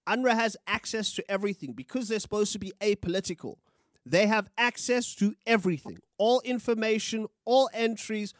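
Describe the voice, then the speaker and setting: In a small studio, headphones on and a boom mic in front of him, a young South African podcast co-host talks quickly and hotly about current events. His high voice leaps widely, he's animated and profane, and his hands keep moving. The audio is close and dry, free of room sound.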